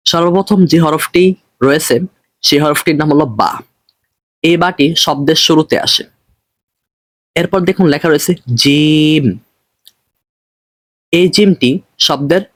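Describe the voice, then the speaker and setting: A man teaching Arabic letters in an online lesson, patient and repetitive, stretching each letter name slowly, with a Bangladeshi Bengali accent. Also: a little high, dry recording. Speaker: Quran reading teacher.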